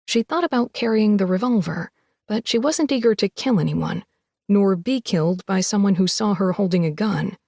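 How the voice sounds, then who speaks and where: Woman audiobook narrator, mid pitch, steady and measured, dry close sound. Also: gravelly, no echo. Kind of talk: scripted narration.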